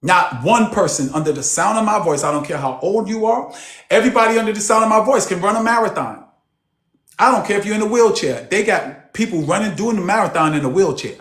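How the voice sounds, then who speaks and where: A man coaching a group on a video call, preaching emphatically and swinging between loud and soft. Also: high voice, expressive, fairly quick. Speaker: personal development coach. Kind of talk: motivational group coaching session. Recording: roomy echo on a call.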